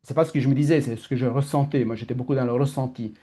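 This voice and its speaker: Italian-accented guy rambling fast through a personal story, keeps correcting himself, mellow warm voice. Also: mid-range voice, steady tone, breathy edge. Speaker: personal growth teacher. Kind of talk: candid storytelling talk.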